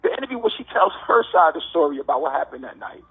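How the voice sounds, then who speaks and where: A man's voice: a little high, very animated, rapid-fire, creaky, slightly rough. A man calling from jail on a prison phone, ranting in an insistent, preachy way and repeating himself. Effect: prison phone call. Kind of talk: heated ranting monologue. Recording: tinny prison phone line.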